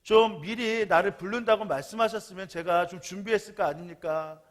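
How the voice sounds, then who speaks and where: A whiny, protesting young man from a sermon anecdote, as a preacher puts him on. He pleads and grumbles in a fairly high male voice, told in a plain everyday way. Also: a little fast, close to an everyday voice. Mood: complaining. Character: complaining young man before God.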